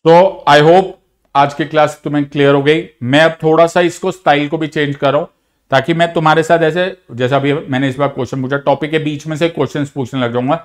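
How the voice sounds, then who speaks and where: A man with an Indian accent teaching an online exam-prep lecture. He mixes Hindi and English, asks questions and answers them himself, and talks to students in a frank, scolding and then encouraging way. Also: a little high.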